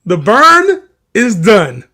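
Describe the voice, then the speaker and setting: High-voiced man hosting a livestream. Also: wildly swooping pitch, extremely slow, pushed and bright. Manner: laughing often, teasing. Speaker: livestream co-host. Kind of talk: casual livestream banter.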